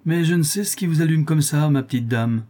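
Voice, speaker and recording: A scheming, greedy old woman who wheedles in coarse slang, as a male reader puts her on. Her voice is lifted above his own, yet stays dark and husky. It is an audiobook figure of low cunning. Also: fairly quick, close to an everyday voice. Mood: wheedling.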